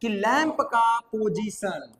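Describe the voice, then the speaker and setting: A man's voice: sits high, expressive, slow, fairly bright tone. A man teaching a classroom math lesson, repeating key terms and quizzing students aloud. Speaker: coaching teacher. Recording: echoey room with long reverb.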